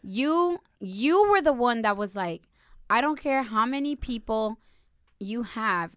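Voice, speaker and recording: A young woman from New Jersey, USA co-hosts a casual podcast with her partner, bantering energetically and quick to interrupt and protest. Her voice is a little high, clear and resonant. The recording is dry, with clean studio sound.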